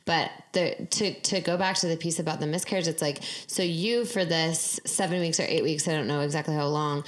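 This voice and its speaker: Woman host, really low voice, thoughtful follow ups. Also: steady tone, brisk. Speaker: podcast host. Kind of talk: casual interview chat.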